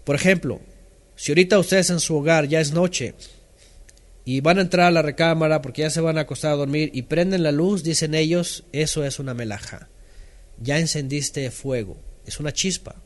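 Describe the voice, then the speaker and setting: A male Bible teacher explains scripture in a conversational manner. His voice sits slightly high for a man, and he keeps asking his listeners whether they follow. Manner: conversational, checks in with listeners often. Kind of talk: teaching sermon.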